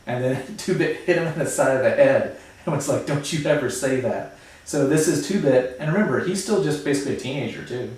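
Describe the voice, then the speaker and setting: A man's voice: on the high side, quick pace, a little mellow. A male teacher reading a novel aloud to his class and explaining it in a casual way. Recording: very echoey room, far from mic.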